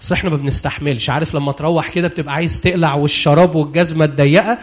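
An Egyptian preacher delivers a sermon in a high, lively voice, throwing questions out to his listeners and pressing for answers aloud. He shifts between urgent appeals and quiet, low asides. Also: very fast. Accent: Egyptian Arabic. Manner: animated, questioning the congregation.

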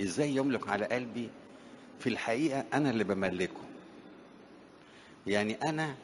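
Low-voiced Egyptian preacher in a church. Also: male voice, a little hiss or hum. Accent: Egyptian Arabic. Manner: conversational preaching, asks the congregation questions. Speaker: priest. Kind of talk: sermon. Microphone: wireless microphone.

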